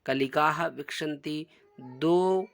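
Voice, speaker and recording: A man teaching a school lesson, reading example sentences slowly and then explaining them step by step. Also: fairly high pitch, creaky, faint music behind. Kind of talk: classroom lesson explaining a textbook.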